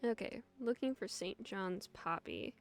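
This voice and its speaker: A young adult woman streaming a relaxed game, reading its text aloud with dry, wry asides. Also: medium pitch, measured pace, vocal fry, faint music behind. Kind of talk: casual game commentary.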